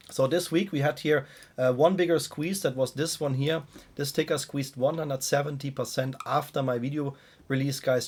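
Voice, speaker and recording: A man's voice: medium pitch, a little mellow, slightly rough. Man, voice weakened by a cold. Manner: halting, addresses listeners often. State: weak voice from a cold. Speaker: stock trading YouTuber. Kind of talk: casual market analysis commentary.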